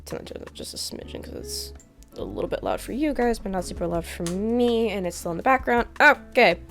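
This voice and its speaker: A young woman chats casually at the end of a live stream, rambling and restarting her sentences. Her pitch sits in a middle range. Quiet background music runs underneath. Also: huge pitch swings, a little fast, vocal fry. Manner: rambling, with many ums and restarts. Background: soft game music.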